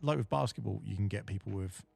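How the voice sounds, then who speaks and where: A man's voice: fairly low pitch, quick pace, vocal fry, darkish tone, breathy edge. A man co-hosting a basketball podcast, rambling and joking in casual chat. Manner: rambling, jokey, many fillers. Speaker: podcast co-host.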